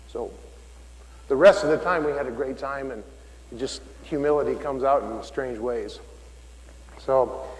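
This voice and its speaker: A middle-aged man gives a homily in a relaxed, storytelling way, often stopping to restart a phrase. His voice sits at an ordinary pitch for a man. The church around him is roomy, with a long reverb trailing each sentence. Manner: folksy storytelling with frequent restarts. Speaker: deacon.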